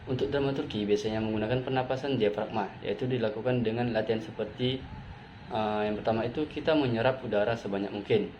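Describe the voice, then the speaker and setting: A man's voice: mid-range voice, darkish tone. A man teaching vocal exercises for theater, explaining step by step and demonstrating sounds aloud. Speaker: vocal training instructor. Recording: dull lo-fi sound, faint background noise.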